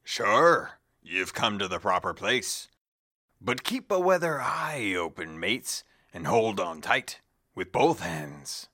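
A man voicing a gruff old seafarer, slow and menacing. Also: lowish voice, sing-song, sharp tone, dry recording, clean studio sound, heavily acted. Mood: ominous. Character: gruff salty old pirate narrator warning of curses.

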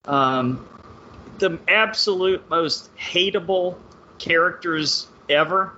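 A man's voice: sits high, takes it slowly, bright, forceful tone, highs cut off, a little hiss or hum. A man co-hosting a podcast, animatedly giving blunt opinions about films. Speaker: podcast co-host. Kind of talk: casual chat about films.

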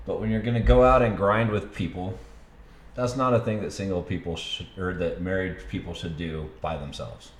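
Blunt deep-voiced man, echoey room. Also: steady tone, moderate pace. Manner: blunt, teasing, emphatic. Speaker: podcast co-host. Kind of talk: casual couple chat.

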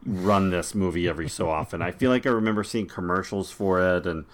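A man's voice: low voice, fairly quick. A man in his forties hosting a casual film podcast, rambling and laughing often. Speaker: podcast host.

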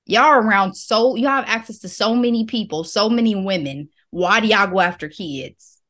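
A woman's voice: medium pitch, moderate pace, fairly bright tone. An American woman co-hosting a chatty podcast. She reads out the headlines, then drops into slangy, easygoing banter with her co-host. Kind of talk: casual chat.

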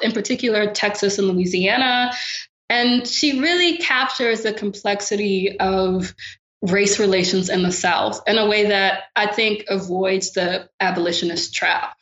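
A woman from the American South speaks as a guest on a podcast, calm and reflective. Her voice sits in the middle of the range. It carries a noticeable room echo and a dull, lo-fi tone. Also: medium pitch. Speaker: philosopher guest. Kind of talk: podcast interview. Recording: roomy, dull lo-fi sound.

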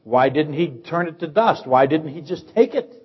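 An older male pastor with a fairly high, animated voice and a breathy edge preaches at a moderate pace in a church sanctuary. He fires off rhetorical questions to teach his congregation. The recording sounds dull and echoey.

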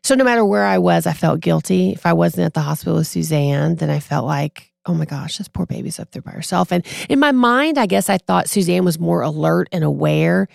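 A woman in her forties, a podcast guest, telling a personal story in a casual, animated way and acting out what others said. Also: fairly low pitch, a little fast, gravelly, few pauses, no room sound, studio quality. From Texas. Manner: animated, acts out quoted voices.

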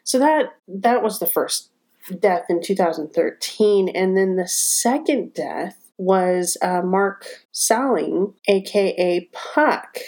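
A woman co-hosts a podcast in a chatty, informal way. Her speech has a faint whistle on the s sounds, the kind that comes with braces. Her pitch sits in an ordinary middle range for a woman. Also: lively intonation, slow pace, darkish tone. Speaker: podcast co-host. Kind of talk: casual conversational podcast talk.

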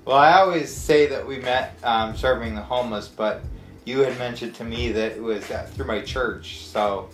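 A man's voice: medium pitch, normal speed, roomy sound, faint music behind. A man being interviewed as a guest, speaking in an easygoing, hesitant way with frequent "you know". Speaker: podcast guest. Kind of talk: casual interview chat.

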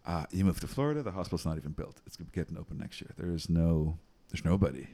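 A man in his forties, raised in Trinidad, speaking with a very low voice as a guest in a relaxed interview. He chuckles a lot and fills his thoughts with ums and false starts. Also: quick pace. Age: 40s. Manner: laughs often, many ums and restarts. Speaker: physician and AI researcher, guest. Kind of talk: casual interview talk.

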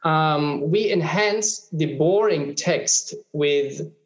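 A man's voice: fairly high pitch, drawn-out words, highs cut off. A man as a guest expert, explaining patiently in conversation with many filler ums and restarts. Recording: roomy echo.

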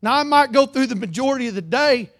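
High-voiced preacher man. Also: animated, fast talker. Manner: reads scripture aloud then preaches, calls for amens; swings from loud emphatic lines to low earnest ones. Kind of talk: sermon.

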